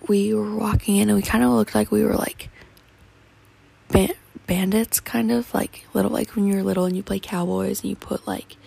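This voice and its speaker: Teen girl vlogger, casual ramble, heavy vocal fry, husky breathy tone. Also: medium pitch, darkish tone. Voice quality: gravelly creaky voice, often whispering. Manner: rambling, giggly, full of fillers like "like" and "um". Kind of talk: casual vlog chat.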